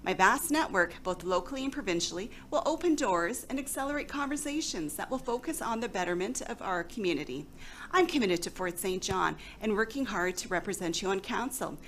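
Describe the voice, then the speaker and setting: A woman reads a formal campaign statement, listing her credentials in an even, mid-pitched voice. Faint noise hums beneath the recording. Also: brisk. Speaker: council candidate.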